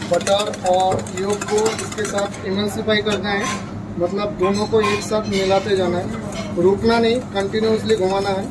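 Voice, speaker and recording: A man's voice: high voice, little pitch movement, heavy background noise. A young man, a chef, giving a plain step-by-step cooking demonstration in a restaurant kitchen, filmed on a phone camera held nearby. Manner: plain step-by-step explaining, unhurried. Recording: distant mic with loud kitchen clatter. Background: kitchen clatter of pots and dishes.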